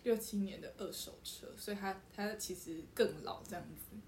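A woman's voice: medium pitch, normal speed. A woman, co-hosting a casual podcast and recounting events expressively. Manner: expressive, exclaims and laughs while recounting. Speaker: podcast co-host. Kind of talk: casual chat. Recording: roomy echo, faint background noise.

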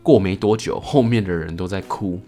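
Playful, laughing podcast host. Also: male voice, sits low, moderate pace, warm tone, faint music behind. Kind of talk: storytelling podcast chat.

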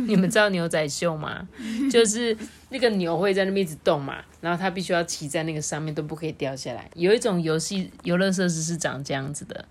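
A woman's voice: lowish voice, fast talker. A woman reading a picture book aloud to her child at home, stopping to ask questions.

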